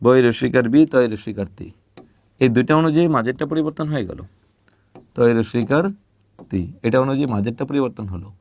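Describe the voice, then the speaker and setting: A man teaching a recorded grammar lesson, patiently repeating words slowly and asking questions he then answers himself. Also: mid-range voice, a little mellow.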